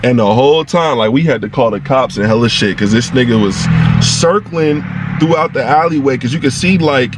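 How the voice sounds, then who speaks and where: A young man telling a personal story in a casual vlog, talking in excitable, profane street slang that jumps high when he gets worked up. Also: normal speed, very noisy.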